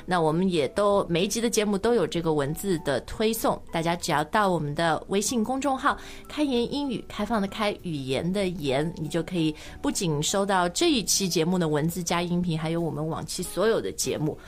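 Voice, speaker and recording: A woman from Shanghai hosting a bilingual language-lesson podcast, chatty and quick to laugh as she switches between two languages. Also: lowish voice. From Shanghai, China. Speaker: podcast host, English teacher.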